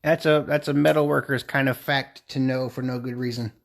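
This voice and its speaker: A man's voice: mid-range voice, steady tone, a little fast, gravelly. A man chatting casually on a live stream as he turns a pen and answers viewer comments. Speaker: woodturner streaming a pen turning.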